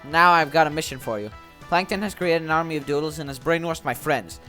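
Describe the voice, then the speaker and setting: A man's voice: a little high, brisk, bright, forceful tone, faint music behind. A man voicing an earnest, determined young cartoon hero, reading out dialogue from a game.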